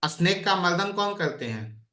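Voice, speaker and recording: A man's voice: sits high, expressive, moderate pace, sharp tone, roomy sound. A man teaching an online astrology class, explaining by asking his students questions.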